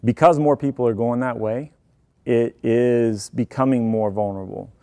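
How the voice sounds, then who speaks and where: A man talks through security tips in a relaxed, conversational way, cracking small jokes as he goes. His voice is warm and mellow, pitched in an ordinary middle range. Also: normal speed, smooth. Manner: chatty, self-deprecating, joking asides. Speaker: IT security presenter. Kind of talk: casual presentation to an audience.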